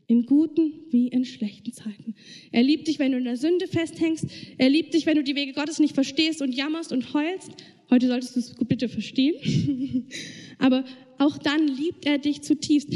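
High-voiced woman preaching, earnest. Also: warm tone, long reverb tail. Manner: earnest, addresses listeners directly. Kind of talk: sermon.

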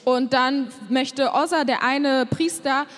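A woman's voice: high voice, steady tone, a bit bright. A woman interpreting a sermon live, phrase by phrase, with the occasional hesitation while she searches for a word. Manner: quick, with hesitations, echoes the preacher's acted voices. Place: church hall. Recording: reverberant church hall.

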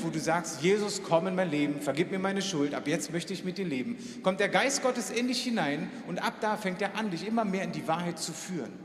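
A man delivers a sermon in an earnest, direct way, talking to each listener as "you". His voice sits somewhat high and rises further when he voices prayers. The recording carries a long hall reverb with faint room ambience. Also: slight background noise. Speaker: preacher.

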